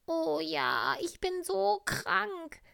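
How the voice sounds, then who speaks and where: A woman's voice: very high voice, huge pitch swings, gravelly, fairly bright tone, no room sound, clean studio sound, voice pushed up, full character voice. A woman doing a whiny sick little tiger cub. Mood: whiny, sickly. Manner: whimpering, drawn-out complaining.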